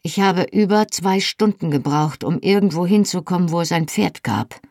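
A battered, breathless man reports in short, halting bursts, as a woman narrator reads him. The voice is husky and the audiobook sound is close and dry. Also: on the low side, darkish tone, no room sound, pitched above the performer's own voice, lightly acted. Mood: urgent, weary. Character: wounded, breathless adult Scottish man.

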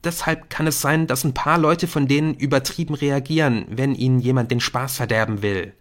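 A man's voice: mid-range voice, steady tone, moderate pace, fairly bright tone, voice pushed up, lightly acted. A man voicing a dismissive, defensive teenage boy. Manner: dismissive, brushing things off. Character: defensive teenage schoolboy hooked on a secret game. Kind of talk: audiobook character voice.

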